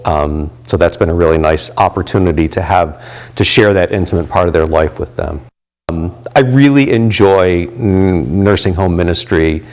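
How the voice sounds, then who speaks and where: A man in his late fifties with a deep, low voice talks through his volunteer ministry work. He speaks in a loose, rambling way, full of "um"s and restarted sentences. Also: darkish tone. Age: 50s. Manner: rambling, many fillers and restarts. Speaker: volunteer chaplain and pastor. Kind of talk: reflective interview talk.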